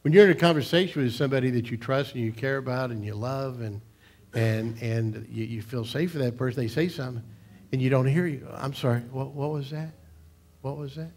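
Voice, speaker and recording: Older pastor preaching, gets loud then drops to a near whisper, church sanctuary. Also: male voice, mid-range voice, fairly quick. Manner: animated, swings between loud emphasis and hushed near-whispers. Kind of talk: sermon. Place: church sanctuary, large room.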